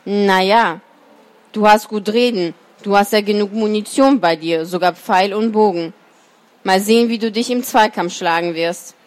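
A woman's voice: medium pitch, normal speed, lightly acted. A woman voicing a sly, frightened male fox who pleads and makes excuses in a storybook reading.

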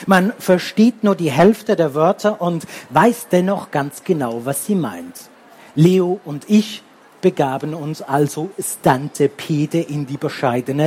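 A man narrates a children's book in an easygoing, gently humorous manner. His voice sits a little high and has a slightly husky grain to it. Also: expressive, slow. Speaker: audiobook reader.

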